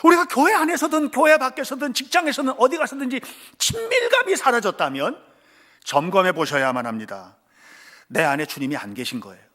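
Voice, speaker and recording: A male pastor preaching a sermon in a church, swinging between loud cries and hushed whispers and acting out voices in his stories. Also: very high voice, sing-song, brisk. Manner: acts out quoted voices in stories. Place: church sanctuary.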